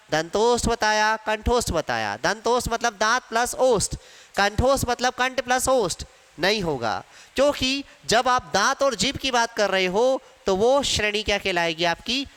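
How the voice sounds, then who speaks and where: A man's voice: sits high, sharp tone, smooth. A man teaching Hindi grammar in an exam-prep lecture, explaining step by step and answering his own questions. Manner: explains step by step, asks questions then answers them himself. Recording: echoey hall reverb.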